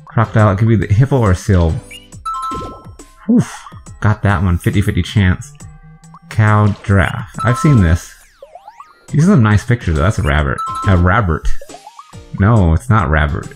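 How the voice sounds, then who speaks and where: A man with a deep, low voice gives chatty let's-play commentary, talking to himself as he guesses his way through a video game. Faint game music runs underneath his talk. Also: expressive, normal speed, pauses often. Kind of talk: gameplay commentary.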